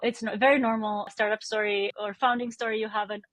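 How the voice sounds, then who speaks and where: This woman, a Romanian founder in her thirties, speaks a little quickly in a medium pitch with little rise and fall and a slightly bright tone. She weighs her interview answers carefully, frequently restarting sentences, correcting herself and laughing lightly. The low-quality recording has no echo.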